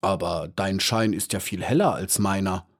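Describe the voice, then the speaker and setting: A man's voice: low voice, moderate pace. Man doing a small glow-worm, storybook, courteous, helpful, slightly raised voice. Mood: obliging.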